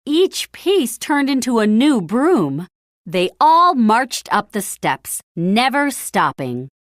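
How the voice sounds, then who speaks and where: A woman with a fairly high pitch reads a children's story aloud as narrator. Her lively, melodic delivery unfolds at a measured, slightly slow pace, with dramatic stress on key phrases, and the recording is dry, lacking room echo.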